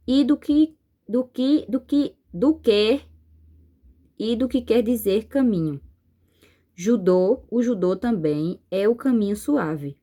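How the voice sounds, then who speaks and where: A patient teacher from Brazil talks her class through the exercises one at a time. She moves slowly and keeps checking that they follow. Her pitch sits in an ordinary middle range for a woman. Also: darkish tone. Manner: slow, patient, checks in with "certo?". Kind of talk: remote lesson.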